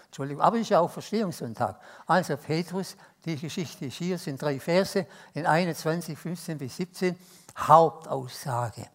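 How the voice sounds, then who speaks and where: A Swiss man with a Swiss German accent preaching a sermon, telling stories that swing between loud emphasis and hushed asides. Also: fairly high pitch, normal speed. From Switzerland.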